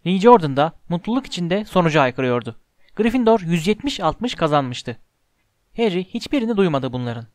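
A man narrating a storybook aloud in a steady, measured reading voice, close to the mic. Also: sits high, no room sound. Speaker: audiobook narrator.

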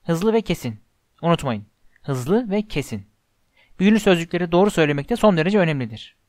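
A man voicing a tiny, fussy old male wizard teacher who drills his class in a shrill, instructive way. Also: animated, fairly quick, a little mellow, no room sound, clean studio sound, natural voice. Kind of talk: audiobook character voice.

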